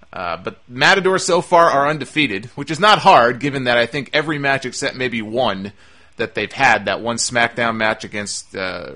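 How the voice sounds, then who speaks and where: A male podcast host with a bright, forceful voice at a middle pitch. He talks through wrestling commentary conversationally and gives firm opinions.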